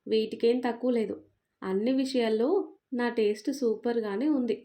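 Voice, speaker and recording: A woman's voice: fairly high pitch, steady tone, moderate pace, close to an everyday voice. A woman voicing a middle-aged mother who scolds with sarcasm but stays loving. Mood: scolding. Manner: sharp-tongued and sarcastic, then fond.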